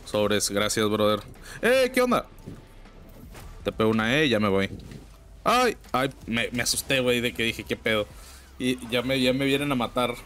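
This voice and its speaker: A young man with a Mexican accent gives casual, slang-filled commentary over his own gameplay, breaking into sudden high exclamations and griping about teammates. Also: fairly even intonation, brisk, a bit bright, a little hiss or hum. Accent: Mexican Spanish. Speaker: gaming streamer.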